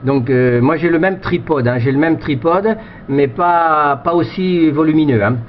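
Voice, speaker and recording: This amateur radio operator from France has a fairly high voice and doesn't rush. His casual radio chat is rambling and repetitive, and the two-way radio sound is muffled and noisy.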